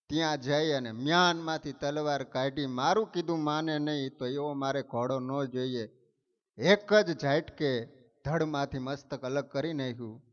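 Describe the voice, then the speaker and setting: A male preacher tells a story in his sermon. He speaks in an animated way, with dramatic emphasis. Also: on the high side. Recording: dull sound, long hall reverb.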